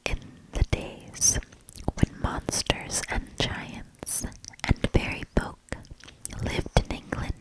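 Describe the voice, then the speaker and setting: In a low-quality recording, a woman reads a storybook for ASMR in a soft, breathy whisper. Her delivery is slow and careful, with lingering pauses after each short phrase.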